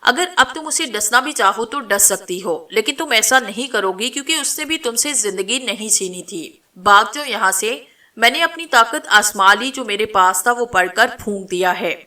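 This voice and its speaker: A woman doing a weary old male holy elder from a spoken horror story. He speaks in solemn, commanding tones, with a bright, fairly high voice. The voice sits slightly distant from the mic. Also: animated.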